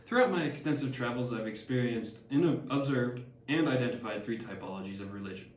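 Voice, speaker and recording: A man's voice: medium pitch, fairly quick, natural voice. Harriet Martineau, learned older woman, a young man reading, echoey room, distant mic. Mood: measured. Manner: reads plainly with small stumbles. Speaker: student actor. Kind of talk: amateur class skit read from script.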